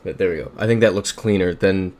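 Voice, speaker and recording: A young man with a low, darkish voice talks fast while casually livestreaming from a room at home into a desk mic. He's upbeat, thinking out loud and reading chat messages aloud.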